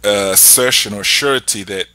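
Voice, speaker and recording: This podcast host, an Englishman with a London accent, has a voice on the low side and a moderate pace. He tells stories animatedly in a relaxed chat and playfully shifts between accents, with no room sound in the recording.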